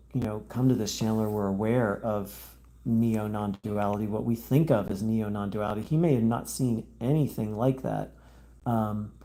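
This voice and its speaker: A man hosting a spiritual channel, talking live into his phone and reading viewer comments, in a meandering, halting way with many fillers and restarts and a gentle, conciliatory manner. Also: medium pitch.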